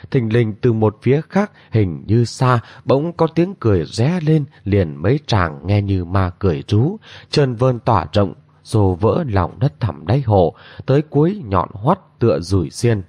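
A man narrating a martial-arts story in an expressive, dramatic way, on a dull lo-fi recording. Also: lowish voice, no room sound.

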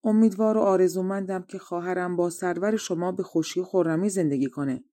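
A woman's voice: on the low side, warm tone, natural voice. A woman voicing a resolute youngest brother who speaks firmly and reproaches his older brothers. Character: resolute youngest prince, loyal to dying father's word.

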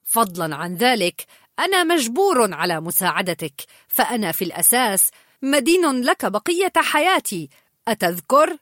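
A woman's voice: fairly high pitch, sing-song, moderate pace, fairly bright tone, dry recording, clean studio sound. A woman voicing a friendly young man in a storybook, reassuring and good-humored.

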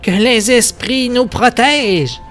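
A man voicing a frightened old village grandmother healer, with high, quavering, drawn-out words. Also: faint music behind, exaggerated voice. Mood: panicked.

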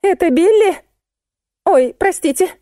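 A woman voicing a plump, excitable female fitness client who squeals and shrieks when alarmed, in an audiobook. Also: very high voice, measured pace, dry recording, clean studio sound, voice pushed up. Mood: squeaky. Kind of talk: audiobook character voice.

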